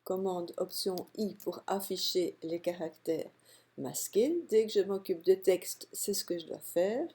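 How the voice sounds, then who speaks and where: Husky-voiced woman doing a screen tutorial, kinda low, calm step by step. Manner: calm step-by-step explaining, unhurried. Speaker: software instructor. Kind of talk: screen-recorded software tutorial.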